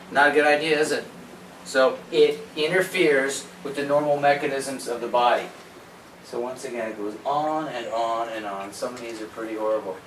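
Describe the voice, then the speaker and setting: A man presenting an informal health seminar in a conversational, opinionated way, with rhetorical questions and quoted asides. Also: medium pitch. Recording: echoey room, distant mic, background noise.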